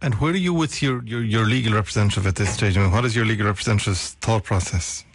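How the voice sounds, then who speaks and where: An Irish man interviewing on radio, putting serious questions in a probing, deliberate way. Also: on the low side, slight background noise. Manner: probing, deliberate, rephrases back to the guest.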